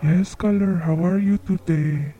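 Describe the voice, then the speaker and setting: A man hosting a comedic call-in show as a psychic, speaking in a slow, soft-spoken, earnest way. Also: sits high, steady tone, lo-fi sound. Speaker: psychic radio show host.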